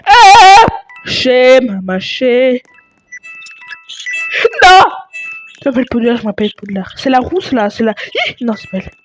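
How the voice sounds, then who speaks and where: A young woman chatting casually over her gameplay. She stammers often and breaks into excitable outbursts. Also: a little high, quick pace, few pauses, faint music behind. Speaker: gaming video creator.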